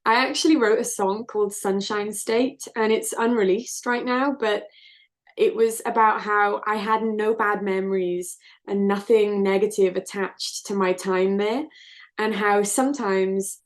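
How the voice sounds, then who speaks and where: Steady in tone and a little slow, this medium-pitched woman is a South Wales singer-songwriter in her 20s. She responds to interview questions earnestly and openly, with reflective storytelling.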